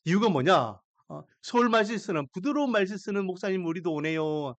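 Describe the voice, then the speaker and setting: A man preaches a sermon, his pitch rising and falling with lively emphasis. He keeps putting questions to his listeners. The recording is dry and close. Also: a little fast, no room sound. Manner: emphatic, asks the congregation questions. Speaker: pastor.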